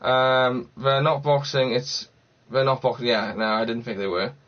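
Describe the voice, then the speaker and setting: A man's voice: medium pitch, steady tone, moderate pace. Chatty man from Cardiff on a livestream. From Cardiff, Wales. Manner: chatty and rambling, thinks aloud. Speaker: livestream host. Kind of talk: casual livestream chat answering viewer comments. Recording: slightly dull lo-fi sound.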